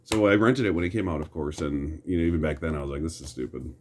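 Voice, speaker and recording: This host, a middle-aged American man, talks fast in a low voice while reminiscing about superhero movies. His commentary is loose and rambling, a grumpy, opinionated rant about the old days, peppered with mild curses.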